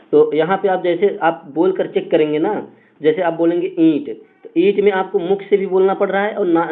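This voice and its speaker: A man teaching a Hindi grammar lesson for exam preparation, explaining step by step and repeating key points to his viewers. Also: on the high side. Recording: tinny phone-like audio.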